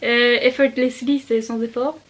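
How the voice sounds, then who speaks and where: A woman's voice: on the high side, fairly even intonation, moderate pace, heavy background noise. A young woman chatting casually to camera as a YouTuber, giggly and self-mocking as she rambles from one aside to the next. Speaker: YouTuber talking about reading.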